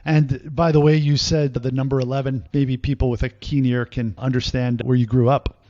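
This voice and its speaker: A man with a Boston accent hosts a casual podcast interview. His pitch sits in the middle for a man. The recording is dry and a little dull and lo-fi. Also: level tone, normal speed, dark tone, dry recording. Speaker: podcast host.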